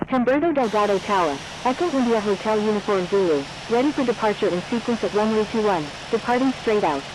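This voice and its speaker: A computer-generated pilot voice comes over the radio from a distance, set a little lower than the tower's voice. It reads back clearances in short, formulaic aviation phrases at a middling pitch, against a faint hum of background noise. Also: lively intonation, fast. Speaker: airline pilot. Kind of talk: synthetic radio readbacks in a flight simulator.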